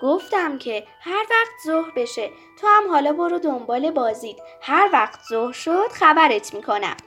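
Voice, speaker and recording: A patient mother, voiced by a woman storyteller, calmly soothes and redirects her child. She sounds gentle but firm, with a fairly high voice. Faint music runs under the storybook. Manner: calm, reassuring, gently firm.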